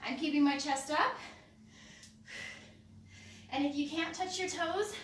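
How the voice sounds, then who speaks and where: Woman fitness instructor, high voice, sniffly, echoey room, off-mic camera audio. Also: measured pace, recorded from a distance, a little hiss or hum. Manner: upbeat, cueing moves and counting reps. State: sniffly, runny nose. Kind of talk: live workout coaching. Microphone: camera mic from a distance.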